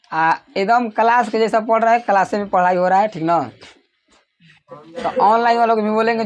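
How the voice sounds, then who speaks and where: A man with a Bihari Hindi accent teaching a class, calling out questions for the students to answer together and sometimes raising his voice almost to a shout. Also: high-pitched. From Bihar, India. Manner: raises his voice to a near shout at times. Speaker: coaching teacher.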